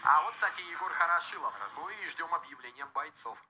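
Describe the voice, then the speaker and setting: A man's voice: a little high, lively intonation, fairly quick, over music. A man giving live MMA commentary, describing the fighters and the action as it unfolds. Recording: very noisy live arena broadcast.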